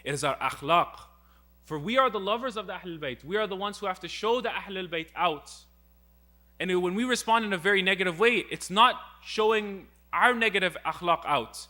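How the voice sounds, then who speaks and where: A man's voice: sits high, brisk, pushed and bright. A young man giving a religious talk, earnest and full of rhetorical questions as he retells a story. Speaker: speaker.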